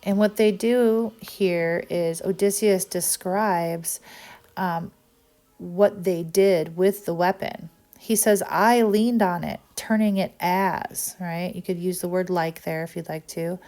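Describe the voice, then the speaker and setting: A woman teacher explaining a text in a recorded lesson, often pausing with "um" and checking in with "right?". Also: fairly low pitch, steady tone, dark tone, soft background music.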